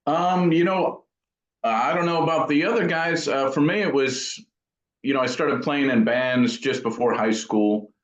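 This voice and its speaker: In an unhurried, medium-pitched voice, a middle-aged amp builder reminisces during an interview, pausing hesitantly as he thinks. His answers are casual and thoughtful, and the sound is dull, roomy and lo-fi.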